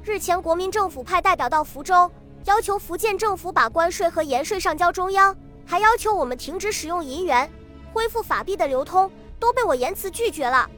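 A woman's voice: very high voice, lively intonation, brisk, a bit bright, faint music behind. A woman reading the lines of a confident, dismissive older male official in a novel, speaking in a self-assured, offhand way.

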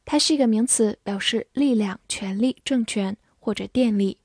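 A woman teaching an English vocabulary lesson, spelling words out and reading example sentences slowly and carefully. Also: on the high side, a little mellow, no room sound, clean studio sound.

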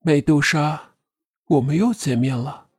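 A woman's voice: low voice, unhurried, darkish tone, slightly rough, dry recording, studio quality. A woman voicing a sinister clown puppet assassin with a distorted, eerie voice, taunting and giggling. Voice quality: distorted, eerie, ugly processed voice. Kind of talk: audiobook drama voice.

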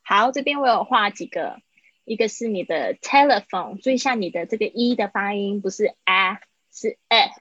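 A woman's voice: medium pitch, normal speed, fairly bright tone, slightly rough, no room sound. A woman teaching an English lesson online, explaining in Mandarin and modelling each English word twice. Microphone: online call. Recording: dull, dry live-stream audio.

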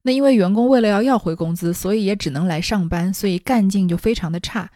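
Mellow-voiced woman storyteller. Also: mid-range voice, quick pace, no room sound, studio quality. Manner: chatty, explanatory asides. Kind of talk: reading a classic novel with commentary.

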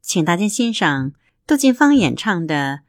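A woman host reading an essay aloud in a measured, deliberate way. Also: on the low side, very animated.

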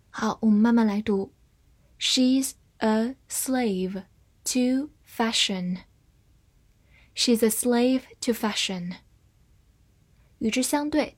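A woman giving a scripted vocabulary lesson, spelling out words letter by letter and reading example sentences slowly and carefully. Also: a little high, darkish tone, husky. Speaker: English teacher.

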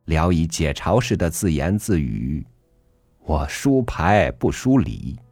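A man reading a literary essay aloud for a podcast, measured and earnest, rising emphatically on rhetorical questions. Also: deep voice, no room sound. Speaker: podcast reader. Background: soft background music.

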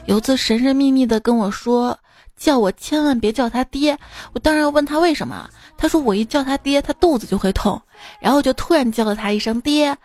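A woman's voice: a little high, a little mellow, dry recording. A woman hosting a podcast, reading out funny anecdotes and laughing at her own jokes. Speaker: podcast host.

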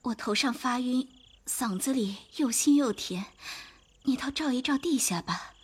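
A woman playing a gentle, forbearing young head maid in an audio drama, speaking softly and patiently. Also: sits high, fast talker, slightly rough, no room sound. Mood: weak.

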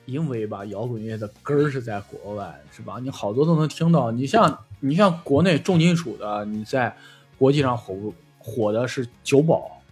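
A man's voice: medium pitch, moderate pace, a little mellow, husky, faint music behind. A man chatting in a colloquial, joking way as a podcast host. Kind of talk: casual chat.

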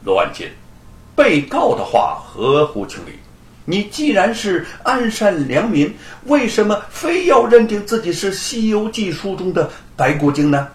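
Man voicing shrewd magistrate, dry, mocking, measured, lively pitch. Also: roomy sound. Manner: measured, official, teasing.

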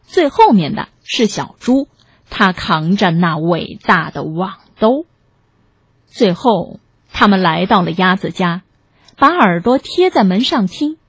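A woman reading a picture-book story aloud for children in a gentle, animated way. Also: medium pitch, takes it slowly, slightly rough, no room sound.

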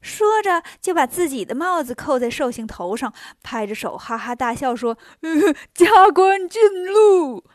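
Bright-voiced woman telling a story. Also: a little high, normal speed, hardly any pauses, dry recording, clean studio sound. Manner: lively, chatty, playful asides. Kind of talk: children's storybook narration.

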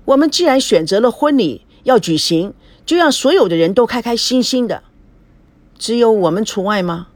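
A woman voicing a weary young groom in an audiobook, speaking in a flat, dejected way. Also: on the high side, moderate pace, no echo. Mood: gloomy.

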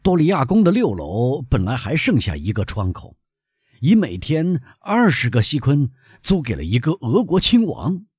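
A man reading aloud, voicing an older male innkeeper who haggles and flatters his guests. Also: on the low side, measured pace, slightly rough, no echo, full character voice. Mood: insistent.

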